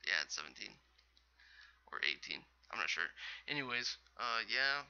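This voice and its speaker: A man's voice: fairly low pitch, sing-song, moderate pace, gravelly, sharp tone, clean tone, lo-fi sound. A man giving casual, rambling commentary over his own gameplay as host of a gaming channel, often correcting himself. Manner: rambling, chatty, self-correcting.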